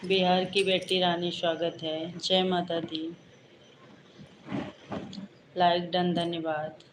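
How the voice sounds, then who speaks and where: A woman's voice: fairly low pitch, level tone, takes it slowly. A woman hosting a casual livestream, greeting viewers by name and answering their comments one by one. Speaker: livestream host. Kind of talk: casual live chat with viewers. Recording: echoey room with background noise.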